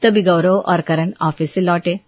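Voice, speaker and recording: A woman's voice: lowish voice, fairly even intonation, unhurried, no room sound, dull audio. A woman narrating a family storybook drama in a dramatic storytelling manner.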